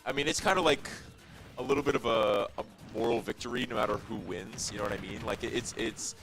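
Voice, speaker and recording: Gravelly young man calling esports. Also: medium pitch, music in the background. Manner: fast analytical play-by-play, rising to shouts on big plays. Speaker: esports commentator. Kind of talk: play-by-play commentary.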